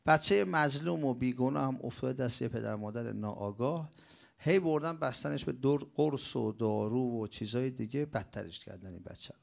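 A man preaching a religious lecture, asking rhetorical questions and answering them himself, swinging between loud bursts and quiet stretches. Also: medium pitch, vocal fry.

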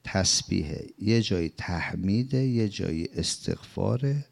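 A man teaching a sermon-style commentary on scripture, asking rhetorical questions and swinging between emphatic high phrases and low murmured ones. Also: lively intonation, vocal fry, breathy edge. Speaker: religious teacher.

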